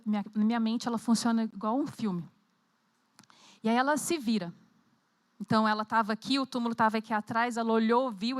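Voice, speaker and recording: A Brazilian woman preaching a sermon at a conference, telling the story dramatically and acting out the scenes. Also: on the high side. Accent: Brazilian Portuguese. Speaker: conference speaker. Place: conference hall.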